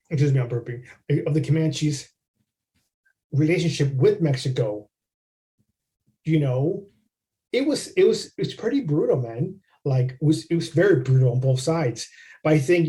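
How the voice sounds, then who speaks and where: A man's voice: fairly high pitch, warm tone. A man co-hosting a podcast in casual conversation, rambling through history, swearing freely and checking in with "right?" and "you know". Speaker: podcast co-host.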